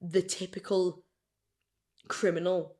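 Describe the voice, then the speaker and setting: A woman with a fairly low, darkish voice speaks slowly and evenly, co-hosting a podcast and telling a true-crime case from her notes. Her reading is casual and chatty, with occasional stumbles over words, and she burps and hiccups along the way.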